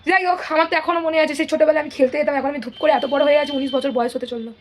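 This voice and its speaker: A woman's voice: high voice, fairly even intonation, rapid-fire. An eighteen-year-old woman vlogging at home in a rambling, casual way, restarting sentences, mixing in English words and often checking "okay?". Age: late teens. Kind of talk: casual chatty vlog. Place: home, near kitchen.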